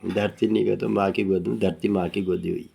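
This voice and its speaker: A man telling a folk story in casual speech, rambling and repeating himself, losing his thread and circling back, with quick pitch jumps when he quotes characters. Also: level tone, vocal fry, mellow, husky. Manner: rambling, repeats "bola" often, loses track and circles back.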